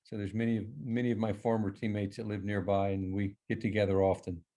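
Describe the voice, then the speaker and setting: A man answering casually as a guest on a video call, with halting, hesitant phrasing. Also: fairly low pitch, level tone, warm tone. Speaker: retired football player speaking as a webinar guest.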